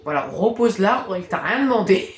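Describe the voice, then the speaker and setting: A woman giving casual reaction commentary on a video, excitable, swearing freely and full of fillers. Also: medium pitch, normal speed, echoey room.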